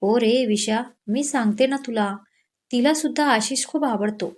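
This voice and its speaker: Woman, Marathi accent, storyteller, fairly high voice, reads all the dialogue herself. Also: unhurried. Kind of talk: scripted narration with character dialogue.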